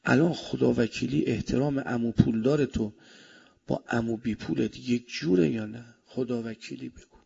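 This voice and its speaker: Gravelly preacher with a husky voice. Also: male voice, medium pitch. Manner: animated, swinging between loud emphasis and soft asides. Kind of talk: sermon. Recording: dull lo-fi recording.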